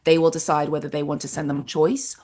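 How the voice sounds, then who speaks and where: A woman from Nigeria hosting an interview, expressive and quick to laugh. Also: deep voice. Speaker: host. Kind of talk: casual interview chat.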